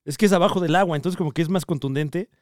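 A man with a Mexican Spanish accent co-hosting a casual comedy podcast, lively and quick to laugh along. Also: fairly high pitch, no echo, studio quality. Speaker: podcast co-host.

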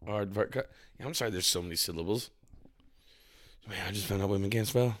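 A man's voice: lowish voice, brisk. A man co-hosting a podcast, trading raunchy jokes in crude, slangy, sweary frat-bro talk. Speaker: podcast co-host. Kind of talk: raunchy joking banter.

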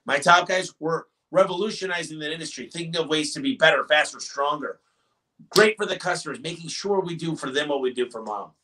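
A man's voice: a little high, fairly quick, recorded from a distance, background noise. A man, a business owner guest on a podcast, talking in an emphatic, motivational way and telling stories. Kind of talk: podcast interview.

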